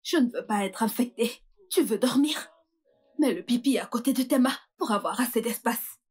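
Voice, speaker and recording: A woman playing a husky, crude prison cellmate. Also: fairly high pitch, normal speed, a little mellow. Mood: taunting. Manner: taunting, crude and boastful. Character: coarse, mocking woman prisoner from a poor district. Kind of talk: French dub of a film.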